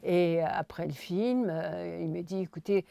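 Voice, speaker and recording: A woman's voice: fairly low pitch, slow, gravelly. A woman, filmmaker and writer, telling anecdotes as an interview guest and acting out the dialogue. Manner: animated storyteller who acts out dialogue. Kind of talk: anecdotal storytelling in a conversation.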